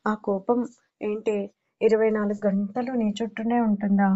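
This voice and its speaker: A woman's voice: medium pitch, little pitch movement, moderate pace, dark tone, dull audio, natural voice. A woman voicing a teasing, persistent young male suitor in an audio story. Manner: teasing, cheeky.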